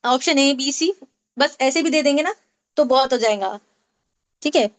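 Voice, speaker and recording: A woman teaching a Tajweed class online, explaining step by step, asking the class questions and repeating key points. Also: sits high. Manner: explains with questions and repetition, mixes English terms. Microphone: online meeting call.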